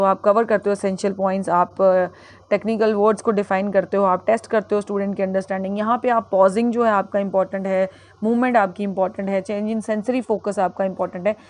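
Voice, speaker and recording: A woman's voice: medium pitch, darkish tone. A woman teacher lecturing on classroom teaching skills. She switches between Hindi and English, with frequent fillers and self-corrections. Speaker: teacher educator.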